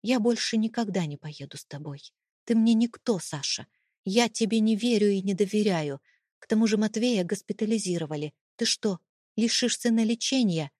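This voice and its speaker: A woman's voice: medium pitch, normal speed, a little mellow, no echo, clean studio sound, close to an everyday voice. Woman voicing a desperate, defiant young mother. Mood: desperate defiance. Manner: pleading, defiant, tearful. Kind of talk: audiobook character reading.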